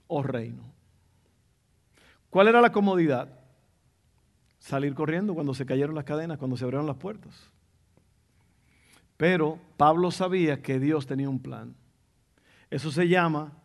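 A male pastor preaching a sermon in a teaching tone, repeating his key phrases for emphasis. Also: a little high.

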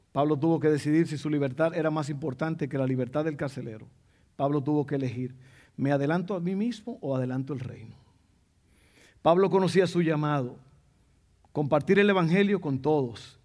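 A male pastor preaching a sermon in a teaching tone, repeating his key phrases for emphasis. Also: a little high.

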